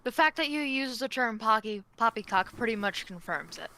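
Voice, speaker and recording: Playful female player, slightly high, crisp bright voice. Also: animated, moderate pace, poor audio. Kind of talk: casual tabletop play.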